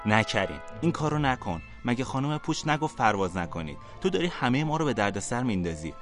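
A man's voice: mid-range voice, big pitch swings, faint music behind, pitched above the performer's own voice, lightly acted. A man voicing an anxious, rule-following schoolgirl who pleads with a friend. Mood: pleading. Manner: pleading, worried.

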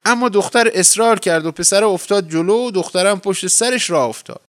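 A man's voice: high-pitched, fairly bright tone. Man telling a folk tale. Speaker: podcast storyteller. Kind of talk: storytelling narration.

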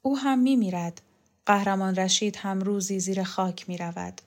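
A woman reads a literary novel aloud in calm, measured narration. Her voice sits at a middling pitch for a woman, steady and even in delivery. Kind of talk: scripted audiobook narration of a novel.

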